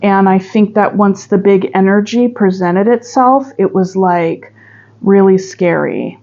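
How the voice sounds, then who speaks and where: A woman's voice: mid-range voice, measured pace, mellow, muffled recording. A woman giving a pick-a-pile tarot reading, musing and chatty with sudden emphatic bursts. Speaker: tarot reader.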